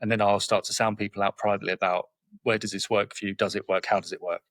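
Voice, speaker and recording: A man in his forties with a southern English accent, guesting on a podcast. He talks quickly and directly, acting out little exchanges as he goes, in a low-ish voice. The sound is close and dry. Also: little pitch movement, a bit bright, no echo. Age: 40s. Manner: straight-talking, tells anecdotes with quoted dialogue. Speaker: guest, property investor. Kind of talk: podcast interview conversation.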